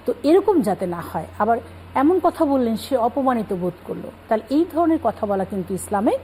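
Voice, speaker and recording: Woman guest scholar, calm explanatory delivery, relaxed tone, light background hiss. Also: on the high side, normal speed, low-quality recording. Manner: calm explanatory, cites scripture. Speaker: religious guest speaker. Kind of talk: Islamic talk show explanation.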